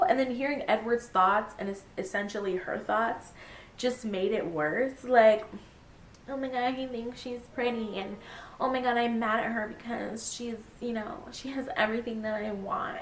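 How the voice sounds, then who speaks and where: Chatty young woman in an echoey room. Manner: gushing, animated, many fillers. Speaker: book vlogger. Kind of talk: casual book review chat. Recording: echoey room, faint rumble.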